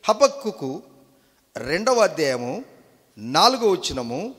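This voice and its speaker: A male pastor with a fairly high voice preaches emphatically, dropping to quiet asides and then rising to loud, stretched-out proclamations. He keeps quizzing his listeners with questions. The sound carries a long reverb, as in a church hall. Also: sing-song, slow, breathy edge. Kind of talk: Sunday sermon.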